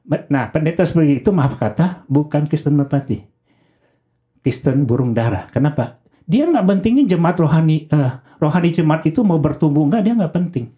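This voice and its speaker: A man's voice: medium pitch, warm tone. A man, a pastor, preaching a conversational sermon to a congregation and often asking rhetorical questions.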